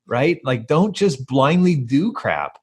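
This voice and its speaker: A man's voice: medium pitch, big pitch swings, takes it slowly, a little mellow, husky. A man co-hosting a podcast in casual conversation, talking in an emphatic, rambling way full of fillers. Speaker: podcast co-host.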